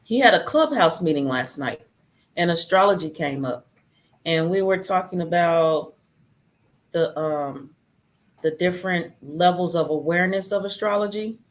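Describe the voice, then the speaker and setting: Low-voiced woman, chatty storyteller. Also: expressive, normal speed. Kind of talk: casual conversation.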